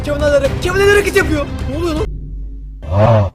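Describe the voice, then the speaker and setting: A gamer in frantic, panicky commentary on a block-building game, shouting and calling out to the viewers, with a very high, squeaky voice. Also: huge pitch swings, fast. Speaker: Minecraft let's-play gamer. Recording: background music under the voice.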